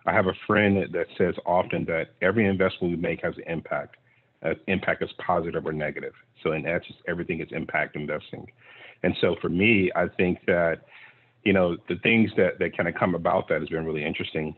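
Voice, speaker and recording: A man's voice: deep voice, steady tone, a little fast, breathy edge. A man from Texas speaking on a panel as a clean tech investor, telling his story in an earnest, reflective way over a video call. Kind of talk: conversational panel talk. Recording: tinny video-call audio.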